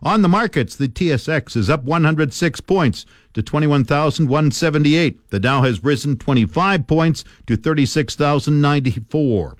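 A man's voice: a little high, moderate pace, hardly any pauses, no echo, clean studio sound. A man reading scripted farm news and market prices as a radio presenter.

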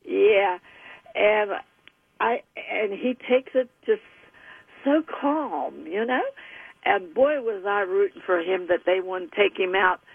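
A woman's voice: mid-range voice, lively intonation, takes it slowly, creaky, slightly rough, no room sound. A woman in her nineties calling in, chatting in a rambling way, heard over a phone line on the radio. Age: 90s. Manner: chatty, rambling baseball talk. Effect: phone call heard over the radio. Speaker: caller. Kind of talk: casual phone chat. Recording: tinny dry phone line.

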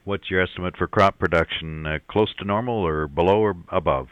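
A man's voice: low-pitched, fairly quick, dry recording, dull audio. A man asking interview questions on farm radio.

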